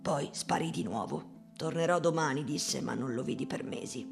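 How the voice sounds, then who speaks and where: A woman's voice: low-pitched, normal speed, gravelly, over loud music. A woman voicing a poor old woman who is recalling hard times, in a plain, sorrowful audiobook reading. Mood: weary, sorrowful.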